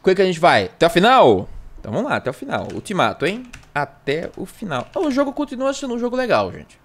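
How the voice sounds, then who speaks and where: A man's voice: sits high, wildly swooping pitch, fast talker, fairly bright tone. Jokey Brazilian streamer man. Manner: rambling, jokey, self-mocking. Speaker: livestreamer. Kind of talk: casual gaming livestream chat.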